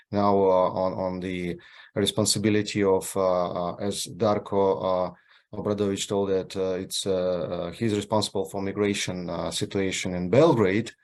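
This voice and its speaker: A low-voiced Ukrainian man moderates an online panel over a video call. He halts often, with filler sounds and restarts.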